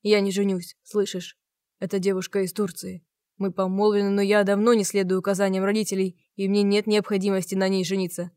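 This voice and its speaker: A woman reading the part of a domineering, hot-tempered young man, shouting and commanding in an audiobook. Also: mid-range voice, flat delivery, fairly quick, no room sound, studio quality, lightly acted. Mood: firm insistent.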